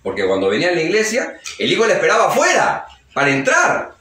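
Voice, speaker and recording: A Peruvian-accented preacher tells a sermon story in a high, lively voice, acting out the people in it. He is recorded in a roomy church hall from some distance, with faint ambience around him. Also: quick pace, slight background noise. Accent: Peruvian Spanish. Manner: animated, acts out dialogue. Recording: echoey hall, distant mic.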